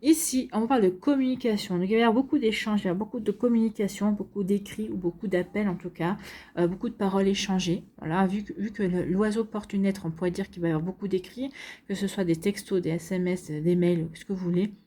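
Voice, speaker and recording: A woman's voice: medium pitch, steady tone, fast talker, mellow. A woman giving a casual tarot reading to her viewers, chatty and full of fillers and repeats. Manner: chatty, many fillers and repeated "donc ici". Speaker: tarot card reader.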